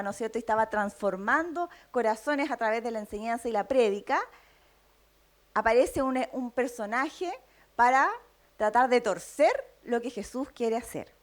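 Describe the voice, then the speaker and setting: A woman with a Chilean accent preaching a sermon, teaching in a steady tone and often checking in with her listeners. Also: fairly high pitch. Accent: Chilean Spanish. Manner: teaching tone, frequent tag questions.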